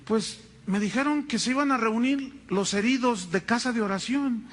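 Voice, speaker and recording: A man's voice: very high-pitched, moderate pace. A man preaching a sermon as pastor, telling stories with humor and acting out other people's voices. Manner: animated storytelling with humor and acted-out voices.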